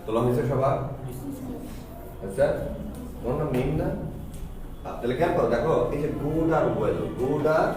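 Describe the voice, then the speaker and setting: A man teaching grammar in a live class, drilling students with quick repeated questions. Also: mid-range voice, far from the mic, background noise. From Bangladesh. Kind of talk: live classroom lesson with call-and-response drills. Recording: echoey classroom from afar, student chatter.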